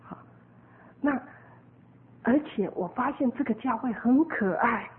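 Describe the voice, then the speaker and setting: A woman tells her testimony in an earnest, animated preaching style, her voice sitting a little high. The sound is narrow and phone-like. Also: a little slow. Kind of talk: sermon testimony.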